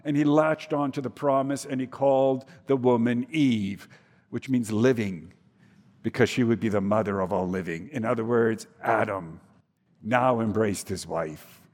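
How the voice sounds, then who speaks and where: A man preaching a sermon, swinging between soft, low passages and emphatic, rising ones. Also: measured pace. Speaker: pastor. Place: church. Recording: reverberant church hall.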